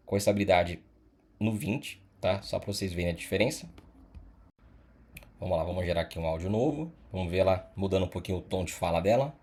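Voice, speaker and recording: Brief: male tutor, lowish voice, relaxed explainer with tag questions. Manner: casual, explanatory, frequent "tá?" and "né?" tags. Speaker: online course instructor. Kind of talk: screen-recorded tutorial.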